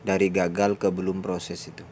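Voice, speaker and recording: A man's voice: sits low, monotone, moderate pace, a little mellow. A man making a casual enquiry as a caller on the phone. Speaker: caller to a helpline. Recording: phone call with faint background noise.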